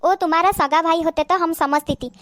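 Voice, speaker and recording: A woman voicing a caring, worried middle-aged mother-in-law who gives gentle advice. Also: very high voice, steady tone, fairly quick. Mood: advising. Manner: gentle advising.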